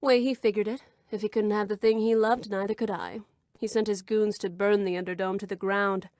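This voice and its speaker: A woman's voice: medium pitch, fairly even intonation, a little fast, darkish tone, no room sound, clean studio sound, lightly acted. A woman voicing a flirtatious, brash bar owner in a video game, speaking in a sultry, suggestive purr. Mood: flirty. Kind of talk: video game character dialogue.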